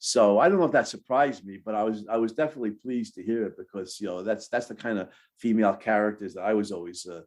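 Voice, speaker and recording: Interview guest: a man with a lowish voice who talks in hesitant, repetitive phrases. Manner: halting, repeats words while thinking. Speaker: novelist guest. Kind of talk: casual interview answers.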